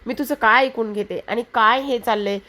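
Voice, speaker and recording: A woman's voice: on the high side, steady tone, normal speed, sharp tone. A woman voicing an angry older woman of the household who scolds with contempt. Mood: scolding.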